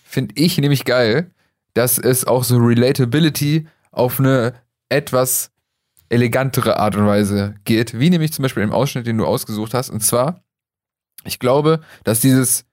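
A young man co-hosts a relaxed podcast conversation, cracking sarcastic jokes and laughing between his lines. His voice sits in a middle range and is recorded dry, with no room sound around it. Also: mid-range voice, no echo. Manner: laughing often, joking, sarcastic. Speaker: podcast co-host. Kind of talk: casual chat.

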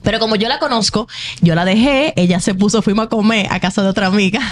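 A woman co-hosting a podcast, telling a story in lively casual chat and acting out what people said. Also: medium pitch, fast talker, slight background noise. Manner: animated storytelling, acts out quoted voices. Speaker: podcast co-host.

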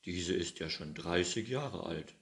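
A grumpy old farmer who likes things tidy, voiced by a man reading aloud. He scolds and grumbles in a deep, unhurried voice. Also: lively intonation. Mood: grumbling.

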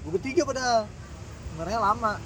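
A young man with a Jakarta accent tells a story at a quick clip, in a fairly high voice, acting out each exchange he quotes. Street and traffic noise runs clearly behind him. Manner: slangy, animated storytelling that acts out quoted exchanges. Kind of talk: casual chat.

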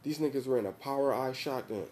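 Slangy young American frat-bro man, mellow voice. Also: medium pitch, fairly quick, slight background noise. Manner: slangy, profane frat-bro talk, emphatic and repetitive. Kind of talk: casual chat about football tactics.

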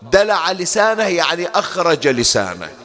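A man preaches with a slightly raised pitch. He teaches through rhetorical questions, posing each one and then answering it himself. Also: very animated, normal speed, a bit bright. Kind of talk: religious lecture.

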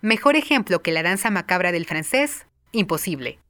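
A woman presenting a music appreciation lesson, explaining film music clearly and addressing her viewers directly. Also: fairly low pitch, sing-song, moderate pace, a bit bright. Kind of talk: scripted educational narration.

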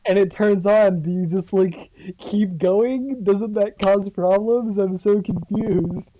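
A man's voice: sits high, slow, warm tone. A man co-hosting a casual podcast, asking questions and sounding mildly exasperated. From United States. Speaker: podcast co-host. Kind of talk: casual chat. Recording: dull, muffled sound.

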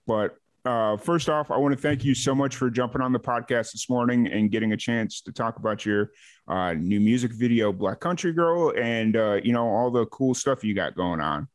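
A man from the south side of Chicago hosting a podcast, relaxed and casual, with lots of uh and you know. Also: mid-range voice, moderate pace. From south side of Chicago, USA. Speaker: podcast host. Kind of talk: casual interview chat.

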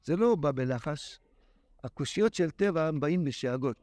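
A man's voice: fairly high pitch, lively intonation, darkish tone, no echo. A man teaching a daily religious text lesson in an impassioned way, with exclamatory sighs. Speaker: Torah teacher.

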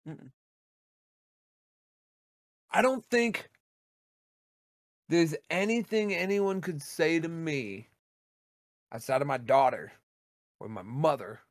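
A high-pitched man holds forth on a podcast in a blunt, profane ranting manner. His voice sits close and dry on the mic, with no room sound around it. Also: dry recording. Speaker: podcast co-host. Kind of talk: casual podcast rant.

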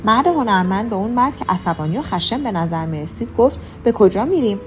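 A woman reads an audiobook in an even, measured way. Her voice sits at a middle pitch, and soft music plays faintly beneath the narration. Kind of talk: scripted narration.

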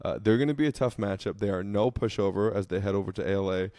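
A man with a fairly low voice co-hosts a sports podcast, breaking down matchups in an easygoing, chatty way with plenty of fillers. The sound is dry and close, with no room echo. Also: fast, dark tone. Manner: laid-back, filler-heavy analysis. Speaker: podcast co-host. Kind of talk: casual sports podcast chat.

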